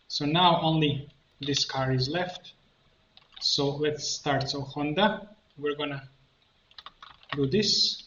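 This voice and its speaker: Narrating every click of a software tutorial, a coach with a bright, fairly high male voice proceeds slowly and hesitantly, as though working it out aloud. It's an instructional, step-by-step delivery captured in a muffled lo-fi recording with echo and background noise.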